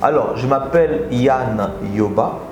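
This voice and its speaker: A man from the Republic of the Congo hosting a casual live stream from his office, energetic and talking straight to his viewers, often repeating his phrases. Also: mid-range voice, a little slow, reverberant, music in the background. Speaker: live stream host and speaker.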